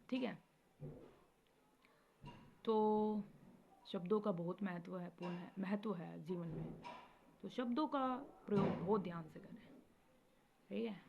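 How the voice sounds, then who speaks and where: A woman hosting a spiritual advice talk, speaking gently and often checking in with her listeners. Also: on the low side, gravelly. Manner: gentle, repeats "theek hai" often. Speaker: spiritual video host. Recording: dull lo-fi recording with faint noise.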